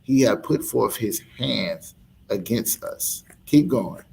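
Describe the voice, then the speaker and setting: A man's voice: on the low side, expressive, slow pace, gravelly, a little mellow, slight background noise. A man teaching as a street preacher, emphatic and full of rhetorical questions, with laughing asides.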